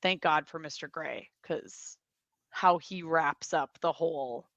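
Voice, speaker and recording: A woman's voice: low-pitched, slow, a bit bright, dry recording. Chatty American woman, dull lo-fi sound. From United States. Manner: chatty, laughs often, rambling asides. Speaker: podcast co-host. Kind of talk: casual chat. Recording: slightly dull lo-fi audio.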